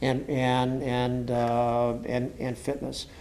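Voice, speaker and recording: A man working as an interviewer and coach, talking conversationally and enthusiastically, often halting and repeating words for emphasis. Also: mid-range voice, completely flat delivery, darkish tone.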